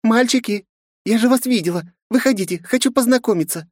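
A man's voice: very high-pitched, brisk, no room sound, studio quality, voice pushed up. A man voicing a sweet, sing-song young woman who is secretly a deadly fighter, in a storybook reading. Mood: sing-song teasing.

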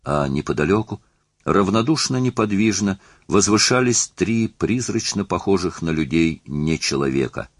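A man's voice: sits low, animated, normal speed, no room sound, clean studio sound. A man narrating an audiobook in a dramatic, emotionally charged reading style.

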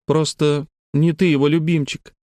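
A man's voice: fairly high pitch, level tone, normal speed, a little mellow, dry recording, studio quality, pitched above the performer's own voice, lightly acted. A man voicing a stubborn, whiny young girl in an audiobook, pouting and petulant.

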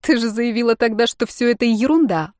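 A woman's voice: medium pitch, lively intonation, fairly quick, a little mellow, no room sound, lightly acted. A woman voicing a prim, sensible young woman in an audiobook, with a dry, lecturing manner. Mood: mocking.

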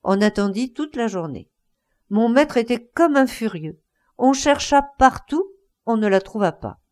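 Stern pious old maidservant as a woman reads her, dry curt manner, low hushed voice, lively pitch swings, audiobook. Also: unhurried. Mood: confiding. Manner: dry, curt, then confiding.

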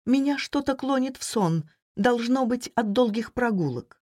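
A woman reading an audiobook voices a young woman with polite, soft manners that hide malice. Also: fairly high pitch, animated, measured pace, pitched above the performer's own voice. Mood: sweetly polite.

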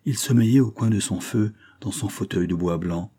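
A male audiobook narrator reading a classic novel. His voice is very low and husky, with a dark, mellow tone. He tells the story in a measured, literary way.

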